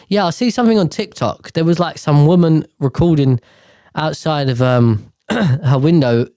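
A man's voice: fairly high pitch, warm tone, dry recording. Rambling man, dry close sound. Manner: rambling, irreverent, swears, stumbles over words when reading. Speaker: podcast host. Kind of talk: casual chat while reading news aloud.

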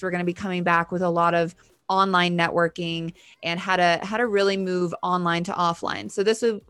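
A woman's voice: mid-range voice, fairly bright tone. A woman co-hosting a podcast in casual, enthusiastic conversation, recorded in a bathroom. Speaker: podcast co-host. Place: bathroom at home.

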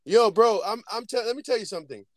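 A young man in casual chat on a podcast, animated and slangy, saying bro often. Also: sits high, fast, no echo.

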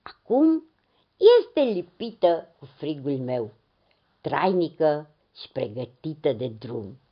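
A woman voicing the raspy, jolly spirit of winter frost in a storybook tale, on a dull lo-fi recording. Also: deep voice, big pitch swings, exaggerated voice. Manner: jolly, laughing.

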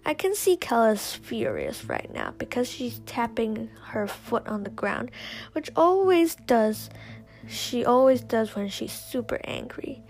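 Brief: woman storyteller, slow and unhurried, slightly high, slips into whispers. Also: wildly swooping pitch, darkish tone. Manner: slow, often dropping to a whisper. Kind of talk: first-person story reading.

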